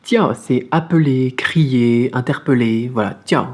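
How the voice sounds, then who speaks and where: A man's voice: mid-range voice, slow. A man giving a video lesson as a Mandarin teacher, explaining patiently and repeating syllables over and over to drill the tones.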